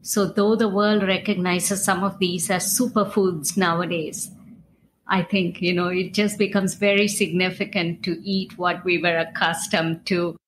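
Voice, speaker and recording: A woman's voice: lowish voice, little pitch movement, a little slow, a little hiss or hum, poor audio. A woman from India hosting an interview, talking in a reflective, conversational way. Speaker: podcast host.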